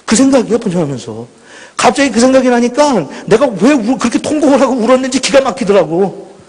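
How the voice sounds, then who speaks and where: Husky-voiced man preaching passionately. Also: very high voice, sing-song, fast. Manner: dramatic, swings from shouting to hushed. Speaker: pastor. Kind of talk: impassioned sermon storytelling. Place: large hall at a student retreat. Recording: echoey hall with long reverb.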